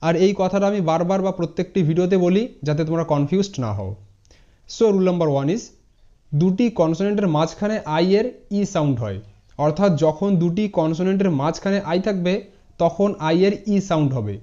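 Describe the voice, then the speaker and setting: A man with a high, dark-toned voice speaks briskly while teaching English pronunciation in a tutorial, spelling words letter by letter and repeating each one. He addresses viewers informally, mixing English words into Bengali, and the sound is dull and lo-fi.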